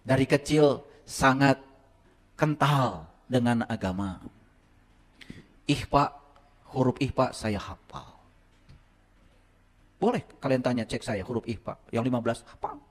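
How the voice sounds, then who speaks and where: A middle-aged man preaching to a live audience, telling his own story and swinging between loud exclamations and hushed asides. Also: mid-range voice. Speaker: Islamic teacher.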